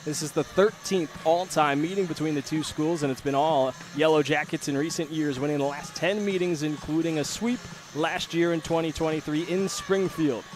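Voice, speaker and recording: A man's voice: a little high, normal speed. Man giving a pregame broadcast rundown. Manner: steady, informative read of team notes and starting lineups. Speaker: play-by-play broadcaster. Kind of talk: pregame sports broadcast preview.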